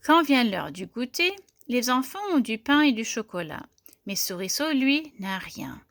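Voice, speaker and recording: A woman reading a children's story aloud in a clear, gentle storytelling manner. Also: on the high side, very animated, measured pace, no echo, studio quality.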